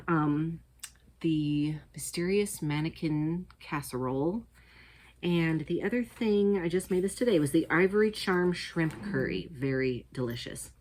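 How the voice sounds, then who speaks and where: Low-voiced chatty woman podcast host. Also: a little mellow, slight background noise. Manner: chatty, enthusiastic, many fillers. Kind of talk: casual chat to camera.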